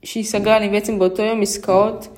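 A woman's voice: medium pitch, flat delivery, a little mellow. A woman with an Israeli accent, telling personal stories and appealing to listeners in an informal, hesitant way, repeating phrases for emphasis. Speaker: vlogger.

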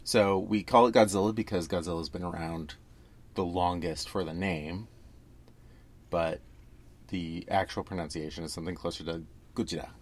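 A man's voice: sits low, steady tone, moderate pace. A man co-hosting a podcast in casual chat about a film, explaining things at length with wry asides. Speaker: podcast co-host.

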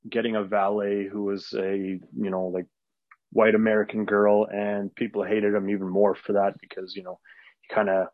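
A Canadian wrestler whose first language is Arabic gives casual, rambling interview answers packed with fillers and restarts. His low voice is level at a normal speed, captured in a dull, dry lo-fi recording with no echo.

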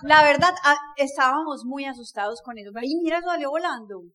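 Motivational speaker, woman, middle-aged, high voice, jokey and direct with the audience. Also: a little fast, fairly bright tone. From Colombia. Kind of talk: storytelling talk to an audience.

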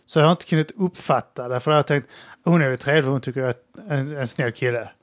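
A man's voice: medium pitch, no room sound. Self-deprecating man, dry sound. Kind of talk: casual chat.

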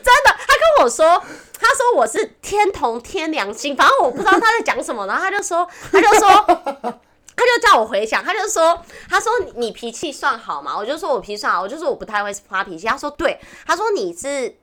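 A woman's voice: sits high, quick pace. A young woman, telling a story to her co-host in a casual chat and often breaking into laughter. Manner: animated storytelling, frequent laughter. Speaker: podcast co-host.

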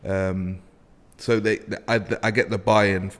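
Low-voiced comedian man, reverberant room. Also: little pitch movement, slow. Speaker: stand-up comedian. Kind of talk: casual chat.

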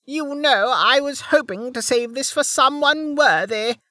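A man voicing an ancient, withered old woman who is venomous and scornful, in a high, drawn-out voice. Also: sharp tone, no echo, clean studio sound, heavily acted. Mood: mocking. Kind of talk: audiobook character voice.

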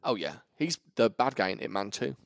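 Male podcast host, deep-ish voice, dry close mic, swears a lot. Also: a little fast, vocal fry, dry recording. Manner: animated, profane, jokey. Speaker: podcast host reviewing a film. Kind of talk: casual chat.

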